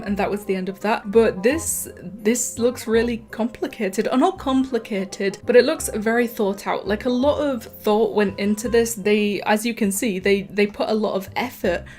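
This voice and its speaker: A woman's voice: medium pitch, a little mellow. A woman hosting a gaming channel, chatting casually with wry, mock-hyped joking over a close mic.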